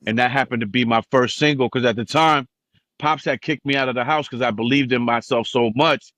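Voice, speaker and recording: A man's voice: medium pitch, fairly quick, no echo. A man in his fifties, originally from Cuba, telling stories as a podcast guest and acting out the people he quotes. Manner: animated, acts out quoted people in raised voices. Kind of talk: casual storytelling interview.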